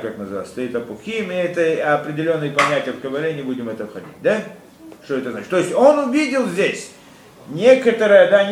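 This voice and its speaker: Recorded in an echoey room with faint ambience and a bit of hiss or hum, a man with a high voice teaches Torah to students. He leans on rhetorical questions and cites Hebrew verses to make his points.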